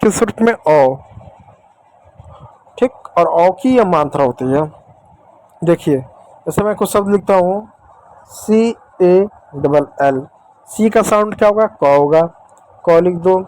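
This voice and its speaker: A man with a Hindi accent teaching children English phonics, asking questions and answering them himself and spelling out letters slowly. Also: high voice, lively intonation, darkish tone, rough recording. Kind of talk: explaining phonics on a board.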